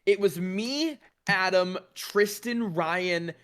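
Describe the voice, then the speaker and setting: A man chatting on a podcast, telling animated theater stories and laughing often. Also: high voice, takes it slowly, smooth. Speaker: cast member recalling a show. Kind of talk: casual podcast chat.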